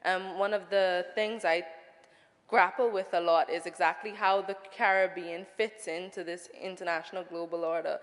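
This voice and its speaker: A woman's voice: on the low side, fairly even intonation, normal speed. Thoughtful young woman in a hall. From the Bahamas. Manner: thoughtful and articulate. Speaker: audience member. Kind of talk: audience comment at a panel. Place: large hall with an audience. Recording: reverberant hall.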